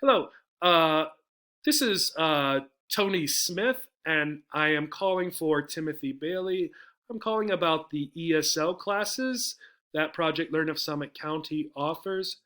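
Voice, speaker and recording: Speaking as an English teacher, a man with a sharp, slightly high voice and a slightly slow pace explains things conversationally. He frequently checks in with "right?" and acts out example phone messages.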